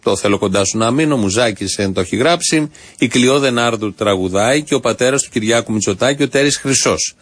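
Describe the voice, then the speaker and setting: A man's voice: medium pitch, no room sound. A man hosting a radio show, giving ironic, mock-earnest satirical commentary in speech. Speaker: radio host.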